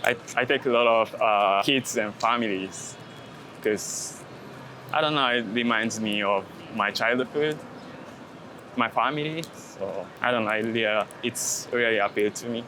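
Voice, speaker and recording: During a relaxed walking interview, a man talks about his photography in halting, second-language English full of fillers, pauses and restarts. His pitch sits in a normal middle range, and city traffic noise is plainly heard around him outdoors.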